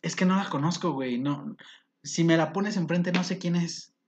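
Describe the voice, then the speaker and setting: A man's voice: fairly high pitch, moderate pace, dull audio, noisy background. A man with a Mexican accent hosting a casual podcast, reading live comments in a teasing, mock-formal way.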